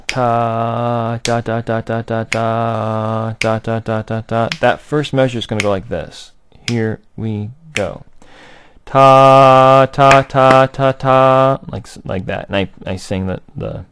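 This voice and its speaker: Man, music teacher, fry in the voice, patient step-by-step explaining, chants rhythm syllables. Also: lowish voice, no room sound. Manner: patient, asks and answers own questions, chants rhythm syllables.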